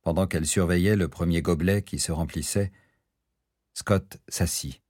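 A man reading a novel aloud as narrator, in a measured storytelling manner. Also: low voice, darkish tone, dry recording, clean studio sound. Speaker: audiobook narrator. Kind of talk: scripted narration.

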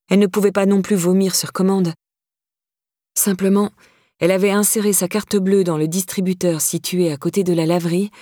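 Low, dry-voiced woman narrating a novel. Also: warm tone, dry recording. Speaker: audiobook narrator. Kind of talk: scripted narration.

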